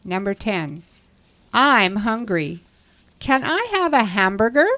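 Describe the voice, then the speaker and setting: Female lesson reader, slow, careful prompts, very dry studio sound. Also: medium pitch, very animated, bright, forceful tone, dry recording. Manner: slow, clearly enunciated prompts. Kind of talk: scripted language lesson dialogue.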